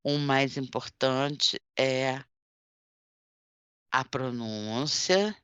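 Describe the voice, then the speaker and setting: Very slow, deliberate woman teacher. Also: a bass voice, fairly bright tone, clear, resonant tone, dry recording, highs cut off. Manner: deliberate, spells words out letter by letter. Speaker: language teacher. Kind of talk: online class instruction.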